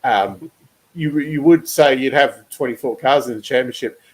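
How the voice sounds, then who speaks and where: A young man chatting casually about racing as a co-host. He talks in a rambling way, thinking out loud with fillers and restarts. His voice sits at a middling pitch. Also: normal speed, low-quality recording. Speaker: podcast co-host. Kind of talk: casual motorsport chat.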